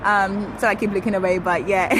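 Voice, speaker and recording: A young woman from Kenya telling a personal story to her viewers in a chatty, animated way, outdoors while waiting for a ride. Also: mid-range voice, a little slow. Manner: chatty, animated, self-correcting. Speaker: vlogger. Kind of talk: casual storytelling to camera. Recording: street traffic noise behind.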